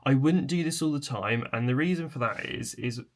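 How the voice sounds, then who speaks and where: A man presenting a casual hands-on tutorial in an informal, tentative, explanatory way, with a chair creaking. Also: mid-range voice, fairly quick. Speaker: video presenter.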